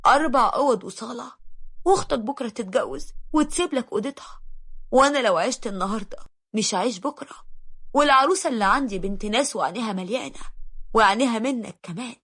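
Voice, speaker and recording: A woman's voice: on the high side, expressive, fast, fairly bright tone, breathy edge. A woman voicing a caring, insistent older mother persuading her son. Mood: persuasive.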